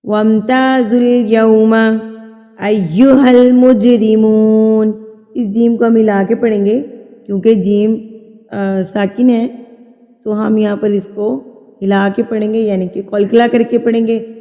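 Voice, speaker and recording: A woman teaching Quran tajweed, explaining rules patiently, repeating terms and checking understanding, with slow drawn-out recitation in between. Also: medium pitch, little pitch movement, warm tone, long reverb tail, faint music behind.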